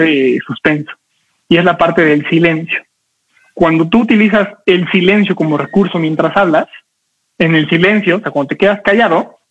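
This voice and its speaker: A man coaching an audience on public speaking, talking fast and energetically with lots of rhetorical questions. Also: on the high side, fairly bright tone, breathy edge, highs cut off.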